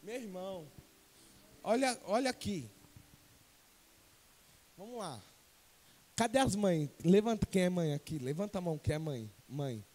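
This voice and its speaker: A man from Brazil preaching a sermon as an evangelist, swinging from loud to hushed and questioning the congregation. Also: high voice, lively intonation, measured pace, long pauses. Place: church sanctuary. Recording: long church reverb.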